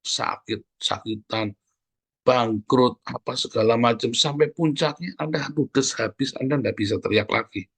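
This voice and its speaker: A man preaching a sermon in a conversational, animated way, often turning to address his listeners directly. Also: medium pitch, unhurried, slightly rough.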